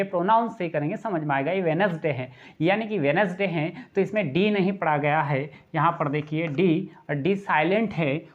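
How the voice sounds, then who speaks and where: A man teaching an English grammar lesson, repeating key words and spelling out letters slowly. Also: fairly high pitch. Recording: dull lo-fi recording.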